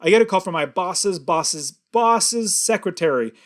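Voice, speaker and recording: A man's voice: high-pitched, lively intonation, unhurried. A middle-aged man hosting his show, telling a personal story in an earnest, vivid and emphatic way. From California. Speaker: host.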